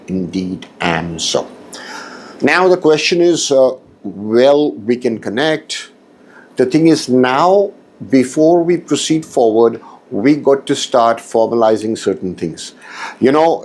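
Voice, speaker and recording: A man coaching clients in a recorded voice message, talking emphatically with frequent pauses and repetition. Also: mid-range voice, a little mellow. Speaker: business coach.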